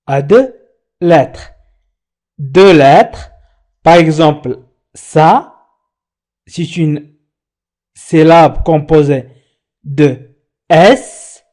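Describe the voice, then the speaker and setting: A man teaching French pronunciation, spelling out letters and syllables slowly. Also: sits high, a little mellow. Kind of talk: slow pronunciation lesson.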